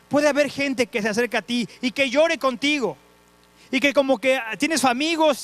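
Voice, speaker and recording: Very high-voiced pastor preaching. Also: male voice, a bit bright. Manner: earnest, repeats words for emphasis, addresses the congregation directly. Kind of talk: sermon. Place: church auditorium.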